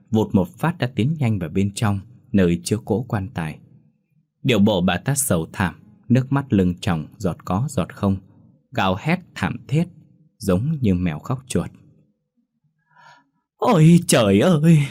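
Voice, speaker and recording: A man's voice: low voice, big pitch swings, moderate pace, a little mellow. A man narrating a first-person story in a bitter, scornful tone.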